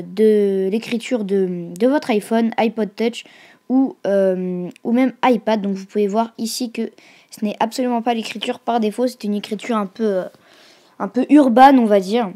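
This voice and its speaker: A woman hosting her own tech channel, talking through a casual screen-recorded tutorial in a hesitant way, often pausing and correcting herself. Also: fairly high pitch, dark tone. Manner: hesitant, filler-heavy, self-correcting. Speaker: YouTube tech channel host.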